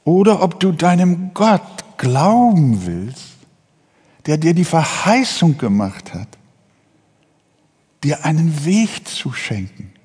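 A man's voice: very animated, slow pace, a little mellow, breathy edge. A man preaching a sermon in a dramatic manner, acting out the people in his story. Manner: dramatic, acts out biblical figures with rising pitch. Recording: long hall reverb.

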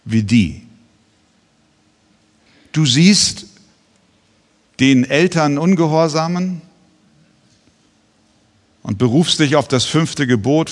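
A man's voice: mid-range voice, big-room sound. A man preaching a sermon as pastor, earnest and pressing his listeners with pointed rhetorical questions.

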